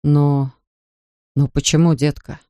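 A narrator voicing a grieving father who talks softly, slowly and tenderly to his daughter. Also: flat delivery, no room sound, clean studio sound. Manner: soft, low and slow, pleading. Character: grieving gentle father, a big man. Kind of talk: audiobook character voice.

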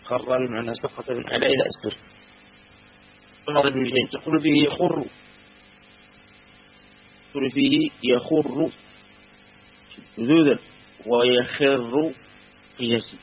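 A man gives a classical grammar lesson, stopping to repeat each word form slowly and deliberately. His voice sits at an ordinary middle pitch. The recording is dull and lo-fi, with a faint hum underneath. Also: fairly even intonation. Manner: measured, repeats and spells out word forms slowly. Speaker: teacher of Arabic grammar.

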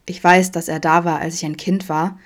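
A woman's voice: lowish voice, level tone, moderate pace, lightly acted. A woman voicing Vincent, a friendly, open young man with a playful, teasing way of talking, in an audiobook. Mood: earnest.

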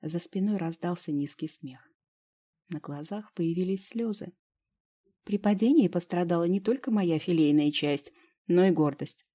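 Woman reading an audiobook, low mellow husky voice, dry ironic tone. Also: normal speed. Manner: wry, ironic storytelling. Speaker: audiobook narrator. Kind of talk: first-person novel narration.

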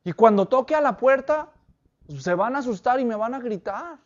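A man's voice: very high voice, expressive, normal speed. A man voicing a stranded driver who frets to himself and grows indignant, on a dull lo-fi recording. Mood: fretful. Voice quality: fretful muttering to himself. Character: stranded male driver, worried, growing indignant.

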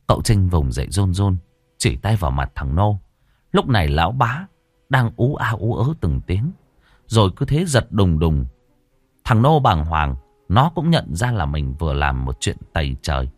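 A man's voice: low-pitched, very animated, normal speed, no echo. A man narrating a dramatic audiobook story.

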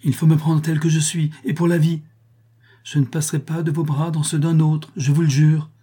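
A proud, passionate young woman, voiced by a male reader, speaks in a lifted, strained tone from a storybook reading. Her husky, mellow voice pushes louder and higher as she pleads and insists. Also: flat delivery, moderate pace. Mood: vehement. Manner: impassioned, raised and forceful.

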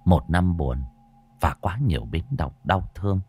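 A man narrating a ghost story in a dramatic style, dropping to a hush and then surging. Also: deep voice, animated, unhurried, husky. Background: faint music.

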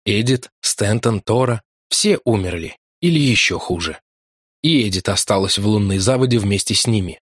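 A man voicing a haunted, grief-stricken male explorer in an audiobook, speaking urgently, at times flat and numb, in a dry, close studio sound. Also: lowish voice, normal speed, husky, dry recording.

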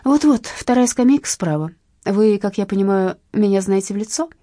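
A prickly, defiant young woman snapping back on the phone in an audiobook, voiced by the woman reading. Her voice is dark and husky, and it leaps around lively. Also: medium pitch, moderate pace, no echo, studio quality, pitched above the performer's own voice, close to an everyday voice. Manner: blunt, rude, irritable. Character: young red-haired heroine, sharp-tongued and defiant. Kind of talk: audiobook narration.

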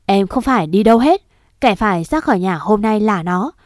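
A harsh father scolds coldly and loudly, as a woman narrator acts him out. The voice stays at a middling pitch, dry and close to the mic. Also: big pitch swings, moderate pace, no echo, natural voice. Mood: angry scolding. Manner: cold, scolding and loud. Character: harsh angry father, middle-aged man.

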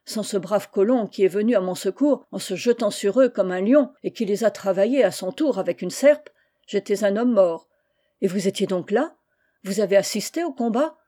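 A woman reading aloud and voicing a hearty, warm-hearted older male general, speaking out loudly. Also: mid-range voice, animated, normal speed, close to an everyday voice. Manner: hearty, exclamatory.

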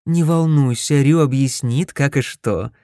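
A man's voice: medium pitch, measured pace, warm tone, no echo, studio quality, pitched above the performer's own voice, close to an everyday voice. A man voicing a brash, teasing older sister.

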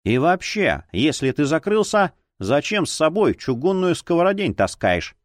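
A sharp-tongued older policewoman, put on by a male narrator, scolding and grumbling with dry sarcasm. She nags in a lowered, drawn-out voice, and the audiobook recording is close and dry. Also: sing-song, no room sound. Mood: snapping. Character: grumpy older policewoman, former chief.

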